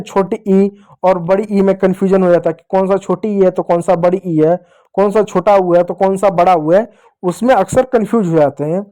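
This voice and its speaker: High-voiced man teaching kids. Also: warm tone. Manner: patient, repeats sounds slowly, addresses kids directly. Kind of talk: Hindi lesson for young children.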